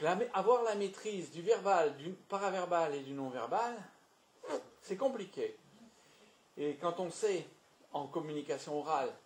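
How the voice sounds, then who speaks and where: Un homme formateur qui anime une séance sur la communication devant un public, en parlant de façon animée et insistante, avec des mots répétés. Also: male voice, a little high, echoey room, a little hiss or hum. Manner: lively, repeats words, emphatic. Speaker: trainer. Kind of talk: communication training talk. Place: meeting room with audience.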